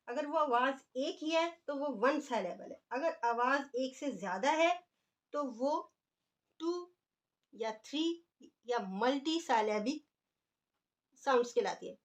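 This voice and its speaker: Lady grammar teacher, high voice, super slow, drags out the example words. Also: animated. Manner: slow, patient explaining, stretching out example words while writing. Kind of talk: classroom grammar lesson.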